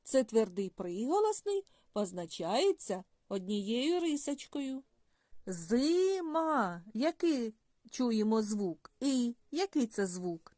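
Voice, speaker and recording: A woman teaching a phonics lesson to young children, asking questions in a clear, sing-song teacher's manner. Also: on the high side, darkish tone, no echo, clean studio sound. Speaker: primary school teacher.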